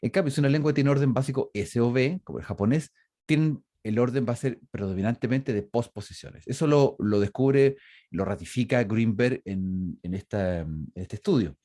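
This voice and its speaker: A man's voice: medium pitch, normal speed, warm tone, no echo, clean studio sound. A middle-aged man giving an online university lecture over a video call, explaining patiently with frequent fillers and self-corrections. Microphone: video call microphone.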